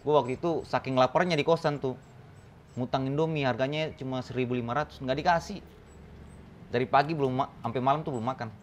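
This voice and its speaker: Young man, from the Kei Islands, dog trainer, animated storyteller, middle pitch, faint background hiss. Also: fast. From Kei Islands, eastern Indonesia. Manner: animated, acts out quotes and calls. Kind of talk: casual storytelling chat.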